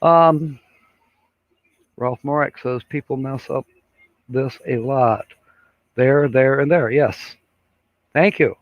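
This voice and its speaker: This older host talks at a slow pace with long pauses, his medium-pitched voice recorded dry. He rambles and chuckles while reading viewers' comments on a casual live stream, using lots of fillers, and the audio is dull and lo-fi.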